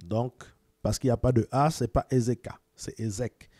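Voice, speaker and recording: Mellow-voiced Cameroonian man explaining. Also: medium pitch, moderate pace, dry recording, clean studio sound. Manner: repeats words, sends greetings to viewers. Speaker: video presenter. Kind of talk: casual explanatory talk.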